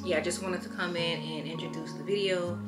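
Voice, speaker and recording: A woman's voice: lowish voice, level tone, brisk, loud music behind the voice. A young woman casually walking through her apartment on camera, rambling with lots of fillers and restarts. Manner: rambling, filler-heavy, self-correcting. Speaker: home vlogger. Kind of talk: casual home tour narration. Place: small apartment, indoors.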